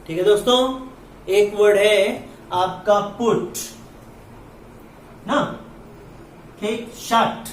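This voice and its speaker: Slow-spoken man teaching in an echoey room. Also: sits high, distant mic, a little hiss or hum. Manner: slow explaining, spelling words letter by letter. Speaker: English teacher. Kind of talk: classroom lesson. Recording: echoey room recorded from afar.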